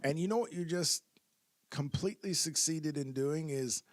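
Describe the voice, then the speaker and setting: A man's voice: on the high side, normal speed. A man talking in a reflective, easygoing way in a casual podcast conversation, laughing now and then.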